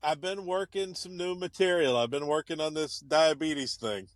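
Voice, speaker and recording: Recorded dry and at studio quality, a man co-hosts a podcast from his car, an aspiring stand-up comic trading casual banter. He sounds laid-back and hesitant, often trailing off, his voice a little high at a moderate pace.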